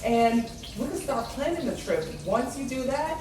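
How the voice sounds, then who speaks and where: A woman with a high, animated voice talks at a normal speed while hosting a cooking video from her home kitchen, chatting casually through each step and calling her viewers "guys." The recording is noisy and echoey, with the mic placed far away.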